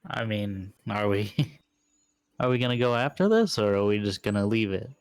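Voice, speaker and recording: Male tabletop player, lowish voice, dry recording, casual game talk. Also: animated, moderate pace, clear, resonant tone, no echo.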